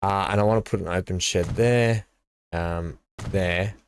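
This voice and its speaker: A deep, unhurried male voice comes from a gaming streamer building in a game, with a little hiss or hum in the audio. He muses out loud as he places items, relaxed and mumbling his picks.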